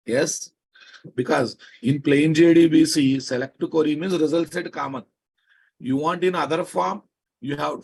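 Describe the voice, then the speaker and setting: A man with a slightly rough, husky voice and a Telugu accent from India gives a live programming lecture. He is emphatic and instructive, restating key phrases and checking on his class with pointed questions. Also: fairly high pitch, a little mellow. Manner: emphatic, repeats phrases and prods listeners with questions. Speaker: software teacher.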